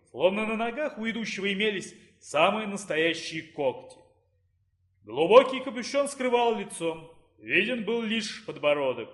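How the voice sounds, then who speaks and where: A man's voice: high-pitched, echoey room. A man narrating a fantasy audiobook expressively.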